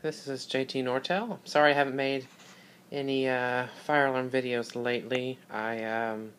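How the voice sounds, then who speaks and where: Man, hobbyist host, casual demonstration, halting informal delivery, crisp bright tone, mid pitch, handheld mic indoors. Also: steady tone. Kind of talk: casual product demonstration vlog. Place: small carpeted room indoors. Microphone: handheld phone or camera mic.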